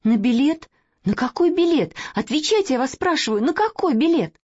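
Lady voicing a frantic young woman from a storybook, high and lively, dry sound. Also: normal speed, no echo. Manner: frantic, pleading questions. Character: young woman, distraught and demanding. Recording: dry, slightly dull recording.

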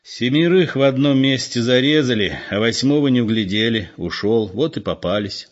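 A man's voice: medium pitch, animated, normal speed, voice pushed up, close to an everyday voice. A man voicing a meek but sly ex-convict, on a dull lo-fi recording.

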